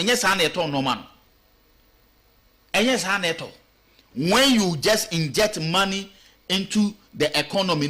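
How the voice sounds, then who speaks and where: Ghanaian male pundit, fairly high bright voice, radio talk show commentary, animated and questioning. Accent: Ghanaian English with Twi. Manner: animated, rhetorical questions, mixing English and Twi. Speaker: political commentator.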